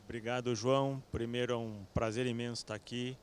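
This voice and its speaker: A man gives a company presentation into a stage microphone at a conference. His voice sits in a middle pitch range and his delivery is relaxed and conversational, with small fillers and self-corrections. Light ambient noise from the venue sits beneath him. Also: brisk. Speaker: company executive panelist. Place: event stage with audience.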